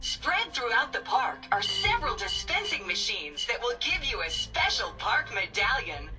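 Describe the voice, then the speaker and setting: A woman's voice: fairly high pitch, big pitch swings, normal speed, distant mic, music in the background, low-quality recording. A woman voicing a cheerful female theme-park robot guide in a video game, with a malfunctioning machine voice and chipper, salesy greetings.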